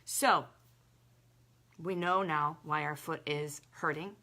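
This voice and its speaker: A woman's voice: sits low, fairly even intonation, slow, bright, forceful tone. A young adult woman, a holistic health coach, talking casually and emphatically, with lots of "like" in her speech. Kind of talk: casual direct-to-camera talk.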